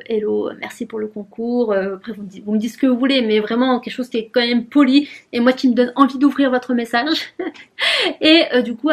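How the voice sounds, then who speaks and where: Young woman vlogging at her desk, giggly, chatty, kinda high voice. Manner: chatty, giggly, talks to herself while unboxing. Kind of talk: casual vlog chat.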